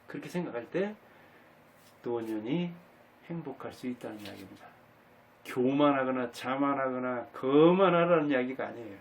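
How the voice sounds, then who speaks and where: A man gives a monologue lecture, his pitch rising and falling with lively swings. He presses his points with rhetorical questions and emphatic repetition. His voice sounds slightly distant from the microphone. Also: moderate pace, a little hiss or hum. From Jinan, Jeolla, South Korea. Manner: emphatic, asks rhetorical questions and repeats key words. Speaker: channel host giving a life talk. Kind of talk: monologue lecture on happiness in old age.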